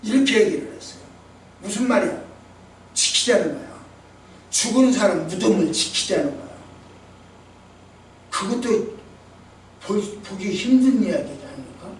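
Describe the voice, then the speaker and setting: Emphatic high-voiced pastor preaching. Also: male voice, lively intonation, unhurried, long pauses, a little hiss or hum. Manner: emphatic, dramatic, acts out quotations. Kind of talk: sermon. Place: church sanctuary. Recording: echoey church hall, distant mic.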